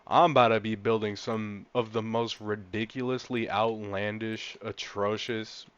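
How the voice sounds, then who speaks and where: A young man with a fairly low voice gives casual gameplay commentary, rambling and getting excited as a car enthusiast. The recording is a bit dull and lo-fi, like a cheap mic. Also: a little slow, smooth. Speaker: gaming channel host.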